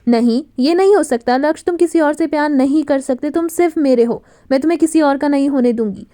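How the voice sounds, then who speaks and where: A woman's voice: high-pitched, brisk, dark tone, natural voice. A woman voicing a young woman who is obsessively in love, her lines pleading and insistent.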